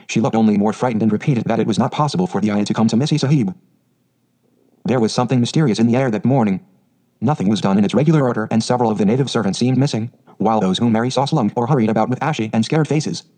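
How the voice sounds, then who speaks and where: A man narrating an audiobook in a brisk, steady storytelling manner. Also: medium pitch, low-quality recording.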